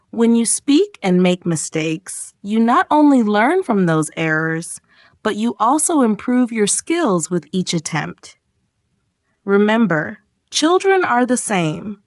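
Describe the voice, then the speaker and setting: A woman giving scripted, encouraging narration for an English speaking lesson, measured and earnest. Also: medium pitch, dry recording, studio quality. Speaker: English teacher.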